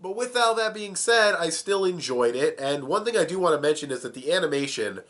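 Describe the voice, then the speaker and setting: A young man with a cold reviews a cartoon in an easygoing way, his voice congested as he swears and laughs. He's fairly high-pitched and brisk, with lively intonation and a fairly bright tone.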